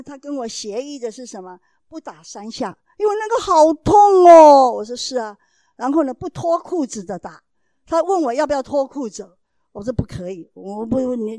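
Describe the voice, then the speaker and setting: A woman speaks to an audience about raising children, telling the story in an animated way and acting out the dialogue. Her voice sits fairly high but sounds mellow and soft-edged. The recording is dry, with almost no room sound. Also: moderate pace, dry recording. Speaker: mother giving parenting advice.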